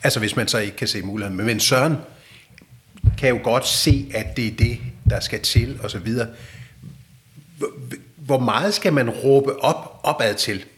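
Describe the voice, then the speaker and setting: A male podcast host with an ordinary, mid-pitched voice speaks calmly. He sums up his guest's points and then asks short, probing questions. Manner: calm, summarizing and probing. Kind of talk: interview questions.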